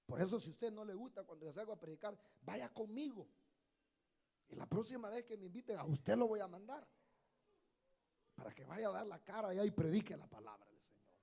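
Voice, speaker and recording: A man, preaching a sermon in a church, breaking into loud shouted lines and acted quotes. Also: sits high, lively intonation, brisk, gravelly, long pauses. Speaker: pastor. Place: church in Maryland.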